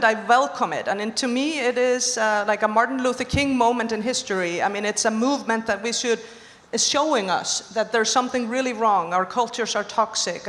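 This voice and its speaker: A woman's voice: a little high, a bit bright. A woman from Iceland speaking earnestly on a conference panel, building on other speakers' points. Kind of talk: panel discussion. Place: conference hall stage. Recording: long reverb of a conference hall.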